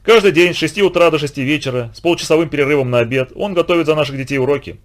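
A man voicing a conceited, self-pitying male bandit who flatters and boasts in a raised, wheedling voice. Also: a little high, rapid-fire, lightly acted. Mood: boastful. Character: whiny, fawning, conceited adult male bandit.

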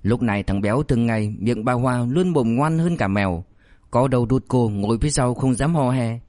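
A man narrating an audiobook in a steady storytelling manner. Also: medium pitch, brisk, dry recording, studio quality. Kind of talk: scripted narration.

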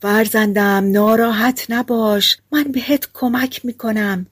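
A woman voicing a kind old woman who speaks gently and soothingly. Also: a little high, fairly even intonation, slightly rough.

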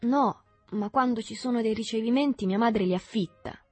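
A woman's voice: fairly high pitch, normal speed, a little mellow, breathy edge, dry recording, faint music behind, voice pushed up. A woman voicing a shy thirteen-year-old rich boy who grows boastful, in a storybook reading. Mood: earnest. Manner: shy, hesitant, then proudly boastful.

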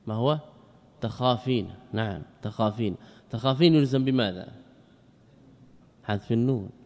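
A male scholar teaching grammar to a class. He keeps asking short questions and answers them himself, and he slowly stretches out the word forms he drills. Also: mid-range voice, darkish tone, long reverb tail. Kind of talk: classroom lecture explaining a grammar poem.

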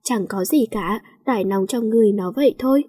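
A woman's voice: mid-range voice, brisk, warm tone, breathy edge, natural voice. A woman voicing a feisty, irritable schoolgirl heroine in a storybook reading. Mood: irritated. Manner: irritable, grumbling. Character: feisty schoolgirl heroine, sulky and sharp-tongued.

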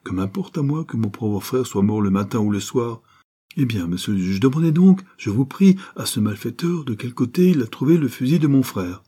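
A man voicing a bitter, tense young man with a dry, harsh voice who argues sharply and quickly. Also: mid-range voice, lively intonation, warm tone, breathy edge, pitched above the performer's own voice. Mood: angry.

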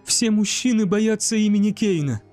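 A man voicing a proud, shaken young noblewoman in an audiobook, speaking softly and a little bitterly. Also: sits high, expressive, moderate pace, faint music behind, pitched above the performer's own voice. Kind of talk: audiobook character voice.

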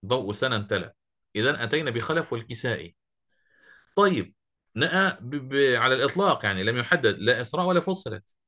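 A middle-aged man teaching Quran recitation to a class, quizzing students and slowly quoting verse lines. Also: medium pitch, big pitch swings, pushed and bright. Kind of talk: classroom lesson.

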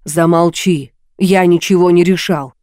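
A woman's voice: on the low side, fairly even intonation, unhurried, a little mellow, no echo, studio quality, lightly acted. A woman reading a curt, stern masked man. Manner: curt, barking.

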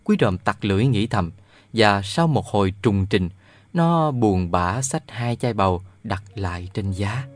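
A man narrating a children's novel aloud in a lively storytelling manner. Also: fairly low pitch, a little slow. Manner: lively storytelling, voices all the characters. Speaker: audiobook narrator.

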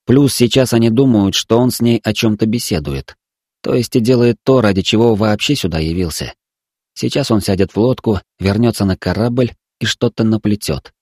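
Male audiobook narrator, low voice, dry close sound. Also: moderate pace, darkish tone, slightly rough, no echo. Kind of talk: audiobook reading.

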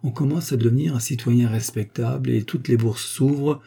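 A man's voice: mid-range voice, steady tone, moderate pace, vocal fry, warm tone, breathy edge. A man voicing a scheming former notary clerk turned fixer, jovial and fond of saying "mon bon". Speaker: character in an audiobook.

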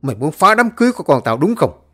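A man voicing a furious, bullying older village father who shouts coarse threats. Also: fairly high pitch, very animated, unhurried, pitched above the performer's own voice, full character voice.

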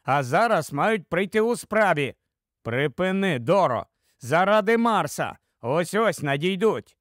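A man's voice: high-pitched, big pitch swings, measured pace, fairly bright tone, no room sound, studio quality, full character voice. A man reading an audiobook, voicing a weary, defensive husband in a plain, tired tone.

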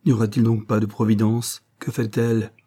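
A man voicing a grieving, big-hearted old male entrepreneur who speaks vehemently and exclaims in a husky voice. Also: medium pitch, steady tone, normal speed, mellow, natural voice. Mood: indignant. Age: older.

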